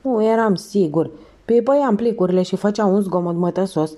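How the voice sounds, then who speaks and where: A woman voicing a sly, hoarse old male newspaper seller who grumbles and talks on. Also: mid-range voice, warm tone, voice pushed up, natural voice. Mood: grumbling.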